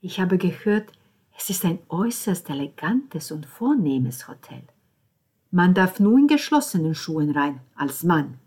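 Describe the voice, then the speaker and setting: A woman's voice: on the low side, sing-song, measured pace, a little mellow, husky, full character voice. A woman voicing a shy, flustered woman neighbor who talks breathlessly and pleads eagerly in an audiobook. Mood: warm, shy. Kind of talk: audiobook character voice.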